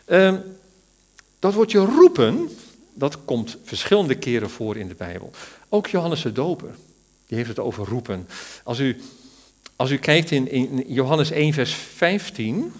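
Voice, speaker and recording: A man's voice: mid-range voice, animated, normal speed. A man teaching from the Bible in a sermon, thoughtful and searching for words, rising to stress key words.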